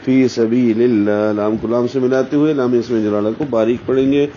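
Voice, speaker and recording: Guy teaching tajweed real slow, sounds out each letter, warm low tone, kinda muffled lo-fi audio. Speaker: Quran recitation teacher. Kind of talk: tajweed lesson, explaining pronunciation. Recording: dull, slightly muffled sound with faint hiss.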